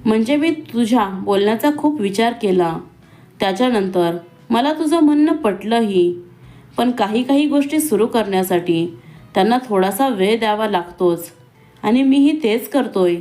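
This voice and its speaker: A woman's voice: a little high, lively intonation, moderate pace, dark tone, lightly acted. A woman voicing a stern young man who speaks in a curt, clipped and irritable way.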